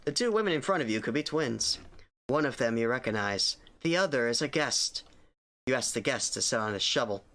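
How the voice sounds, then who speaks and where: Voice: medium pitch, lively intonation, a little fast, a bit bright. A streamer voicing the somber narrator of a horror game, reading scripted text aloud. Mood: somber, steady.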